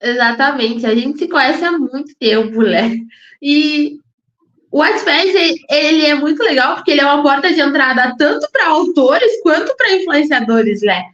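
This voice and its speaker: A woman hosts a podcast interview in an upbeat, chatty way, often repeating words for emphasis. Her high, slightly bright voice has lively intonation and a moderate pace, heard through an echoey, dull lo-fi recording.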